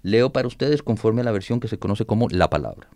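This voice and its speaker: A man, explaining and reading Bible verses in an animated, conversational way. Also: on the low side, fast talker, no room sound, clean studio sound. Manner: animated explainer, reads scripture aloud, laughs often. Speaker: Bible teacher guest.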